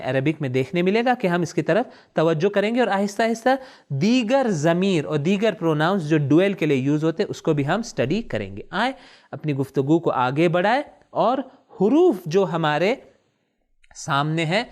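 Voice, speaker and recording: A man teaching Arabic words of the Quran in a classroom-style lesson, asking questions and answering them himself, repeating each word slowly and mixing in English terms. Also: a little high, a little mellow.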